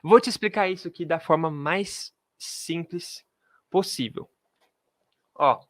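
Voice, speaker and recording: Slow, dry-voiced man teaching English. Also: fairly high pitch, a bit bright, no room sound. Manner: slow, drilling pronunciation with repetitions. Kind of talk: video lesson. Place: room with pens and a globe.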